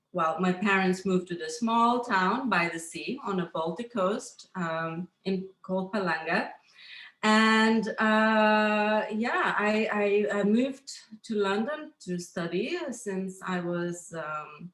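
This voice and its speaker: A woman from Lithuania in her thirties speaks slowly and hesitantly, filling pauses as she goes. The room around her echoes. She sounds like a guest in a relaxed interview. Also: mid-range voice. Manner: hesitant, many fillers and restarts, soft laughs. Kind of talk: casual interview.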